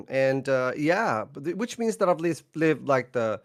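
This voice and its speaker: Swedish-accented man, halting podcast chat. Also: medium pitch, big pitch swings. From northern Sweden. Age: middle-aged. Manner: halting, many restarts and soft laughs. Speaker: podcast co-host. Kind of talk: casual chat.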